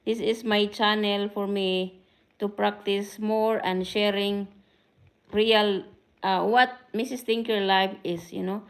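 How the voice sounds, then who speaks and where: A middle-aged Filipino woman hosts a livestream vlog, chatting casually with viewers, greeting commenters by name, and code-switching into Filipino phrases. She calls herself a fast speaker. Her mid-range voice is smooth and steady, though the audio is poor.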